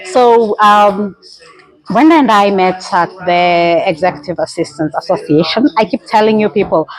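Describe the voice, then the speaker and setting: A woman's voice: medium pitch, moderate pace, poor audio. Woman host chatting with a guest, easygoing, lots of uh and um. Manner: warm, encouraging, frequent fillers. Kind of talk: casual interview chat.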